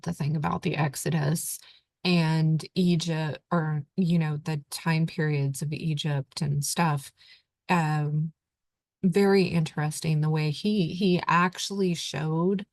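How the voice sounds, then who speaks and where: Rambling low-voiced woman host. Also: darkish tone, no room sound. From Oklahoma, USA. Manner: rambling, thinking aloud with many fillers. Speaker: channel host. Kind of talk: casual screen-share talk.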